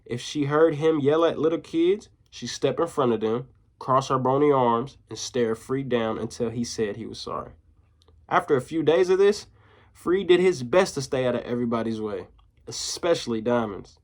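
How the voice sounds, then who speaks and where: A man's voice: medium pitch, lively intonation, moderate pace. Man reading a children's book aloud. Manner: casual, slangy asides to listeners. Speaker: teacher.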